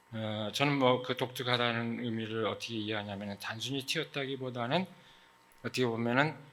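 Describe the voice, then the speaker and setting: A man delivering a sermon from the pulpit, his voice strikingly bright and forward. He talks in an earnest, emphatic way, pausing on fillers and then driving hard on key phrases. His pitch sits in an ordinary middle register. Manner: earnest, emphatic preaching with sudden loud stresses and fillers. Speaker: pastor.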